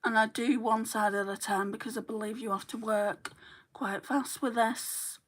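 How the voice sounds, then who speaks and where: Doing her makeup live, this British livestream host chats casually and greets viewers by name in a meandering way, her throat growing a bit sore. She speaks at a moderate pace in a slightly high voice with fairly even intonation.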